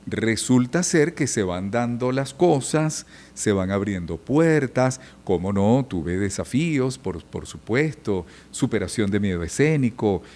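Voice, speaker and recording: A middle-aged journalist and radio announcer tells stories during a conversational podcast interview, animated and mimicking old-time radio announcers. His voice is on the low side, and he speaks at a measured pace with few pauses.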